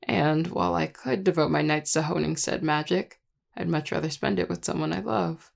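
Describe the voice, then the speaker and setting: A performer voicing a charming, affectionate vampire lover in an intimate audio role-play, teasing and tender in a relaxed, gravelly voice. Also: medium pitch, moderate pace. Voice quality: gravelly, heavy vocal fry. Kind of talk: intimate audio role-play, one-sided dialogue to listener.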